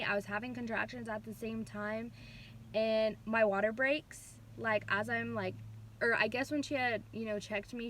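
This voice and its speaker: Young female vlogger, slightly high voice, casual filler-heavy storytelling. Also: a little hiss or hum. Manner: chatty, animated retelling with many fillers.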